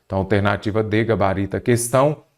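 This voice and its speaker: A man's voice: fairly low pitch, quick pace, a little mellow. A man teaching an exam-prep grammar lesson, patiently posing questions and answering them himself. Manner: patient, asks and answers his own questions. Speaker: Portuguese teacher.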